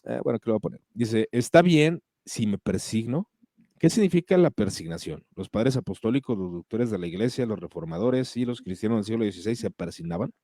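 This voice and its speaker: A man with a low, mellow voice, talking casually and hesitating with fillers and restarts. The sound is dry and close, with no room echo. He comes across as a conversation host. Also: a little fast. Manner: hesitant, many fillers and restarts, laughs while reading comments.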